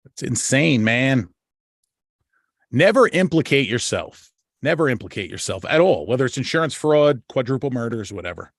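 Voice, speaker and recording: A man's voice: medium pitch, very animated, moderate pace, no echo, clean studio sound. Blunt, swearing man telling stories. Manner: profane, blunt and joking. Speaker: show host. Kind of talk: casual storytelling monologue.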